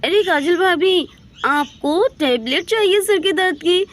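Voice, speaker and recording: A woman's voice: very high-pitched, expressive, a little slow, slight background noise, pitched above the performer's own voice. A woman voicing a cheerful, obliging young village woman in a doll story. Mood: eager. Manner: chirpy, obliging.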